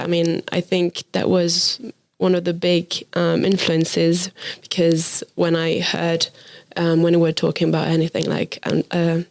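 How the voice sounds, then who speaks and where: A woman's voice: fairly low pitch, darkish tone. An 18-year-old woman from France, an engineering student speaking thoughtfully and searching for words. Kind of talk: casual podcast chat.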